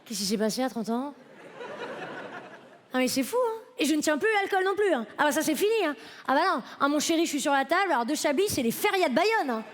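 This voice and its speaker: A woman in her late twenties performs stand-up on a festival stage, her voice sitting high and bright in pitch. She talks straight to the crowd in a chatty, self-mocking way. A faint murmur of the live audience hangs behind her. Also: big pitch swings, fast, a little hiss or hum. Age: late 20s. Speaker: stand-up comedian. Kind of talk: stand-up comedy set.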